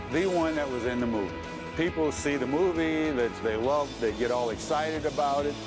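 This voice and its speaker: A man making informal remarks in an interview. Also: a little high.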